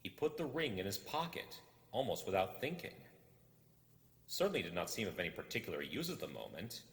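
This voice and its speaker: In a roomy space that leaves a long echo trailing behind, a deep-voiced man reads a story aloud like an audiobook narrator. His pitch swings lively while his pacing stays measured and dramatic, with pauses placed deliberately between phrases.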